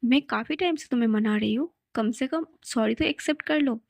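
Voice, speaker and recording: Woman doing a playful young guy begging sorry, light highish voice. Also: brisk, creaky, no echo. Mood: coaxing. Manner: pleading, apologetic. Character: playful, coaxing young man.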